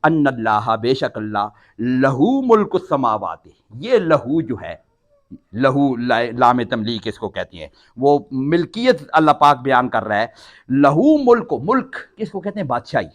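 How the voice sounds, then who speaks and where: A man's voice: medium pitch, very animated, muffled recording. An older man from Pakistan teaching a Quran class, reciting Arabic phrases and then explaining each word with patient repetition.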